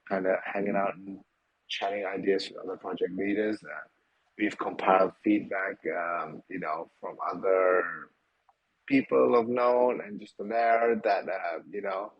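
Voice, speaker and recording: A man's voice: sits low, husky, poor audio. A man hosting a live audio chat, talking loosely with lots of fillers and the odd swear. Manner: loose, filler-heavy, informal and a bit profane. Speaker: project team member hosting an AMA.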